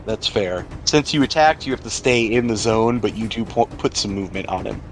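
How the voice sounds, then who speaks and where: With music playing underneath, a man with a lowish voice serves as game master, describing a tabletop game's action and rules conversationally. He speaks a little fast.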